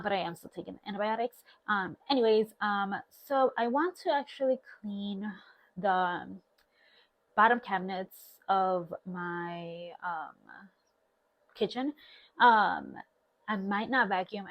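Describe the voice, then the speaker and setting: This time the vlogging mom in her thirties keeps a measured pace, her medium-pitched voice fairly bright, as she chats loosely and meanderingly with viewers. It's recorded on a clip-on lapel mic with no room sound.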